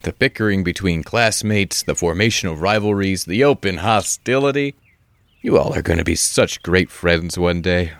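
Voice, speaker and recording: A man's voice: low voice, moderate pace, gravelly, no room sound. A man voicing a jovial, theatrical middle-aged male professor of magic.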